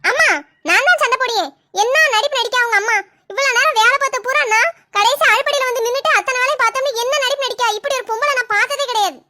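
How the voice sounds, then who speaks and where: A woman voicing a sharp-tongued young wife in a family comedy skit, quick, sarcastic and indignant. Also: very high voice. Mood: shrill.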